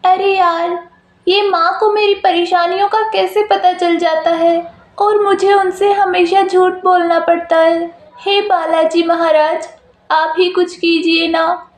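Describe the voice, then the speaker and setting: A woman's voice: extremely high pitch, slow pace. A woman voicing a patient but troubled young married woman, in an echoey room. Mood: distressed. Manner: evasive, then calmly reasoning. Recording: roomy echo.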